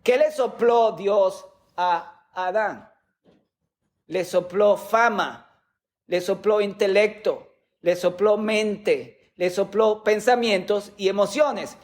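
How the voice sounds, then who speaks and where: A man's voice: high voice, takes it slowly. A man preaching a sermon as a pastor, teaching with rhetorical questions and sometimes repeating words as he goes.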